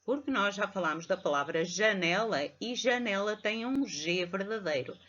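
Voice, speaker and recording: Syllable by syllable, a primary school teacher with a European Portuguese accent leads young children through a reading lesson with patience. She's middle-aged, her voice medium in pitch and slightly bright, moving at a moderate pace. It sounds like a dull lo-fi recording made at home.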